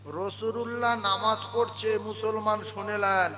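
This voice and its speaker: A man giving a humorous sermon as a preacher, scolding the crowd in quick asides and breaking into chanted song. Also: sits high, fairly even intonation, music in the background.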